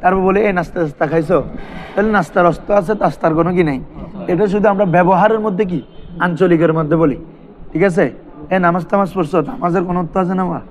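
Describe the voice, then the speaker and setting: A man's voice: high-pitched, fairly even intonation, fast. A man teaching a classroom grammar lesson, asking his students questions and repeating terms for them to answer. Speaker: madrasa teacher.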